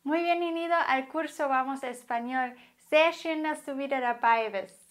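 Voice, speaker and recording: A woman from Germany teaching a grammar lesson as a Spanish teacher, explaining slowly and deliberately and spelling out each example. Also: high-pitched.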